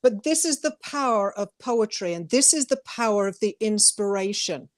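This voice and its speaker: A woman poet co-hosts a talk show, speaking earnestly and emphatically in heartfelt talk and poetry reading, repeating phrases for emphasis. Her mid-range voice has lively intonation at a normal speed, captured in a dry, studio-quality recording.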